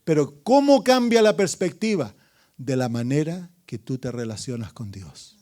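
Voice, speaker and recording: A man preaching an evangelistic sermon as pastor, dramatic and swinging from loud calls to hushed asides, asking the congregation questions and calling for amens. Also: fairly high pitch, big pitch swings, unhurried.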